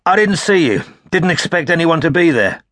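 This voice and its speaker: A man's voice: a little high, lively intonation, moderate pace, dry recording, voice pushed up. A man voicing a big, blunt battered detective. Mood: startled. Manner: blunt, loud bursts. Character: huge gruff battered male detective, blunt.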